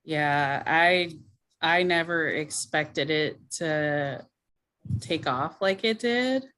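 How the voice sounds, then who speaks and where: A woman with a fairly low voice talks in a casual, conversational way. Her pace is very slow and hesitant, and she comes across as modest. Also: a bit bright. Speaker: online video creator. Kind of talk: casual chat.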